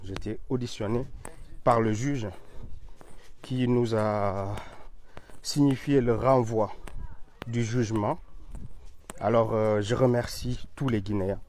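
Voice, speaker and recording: A man with a rather low voice speaks directly to his followers. He is emphatic and repeats himself, with frequent hesitations. A faint hum of noise sits under his voice. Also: steady tone, takes it slowly, long pauses, a little mellow. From Senegal. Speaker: online commentator. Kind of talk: direct-to-camera address.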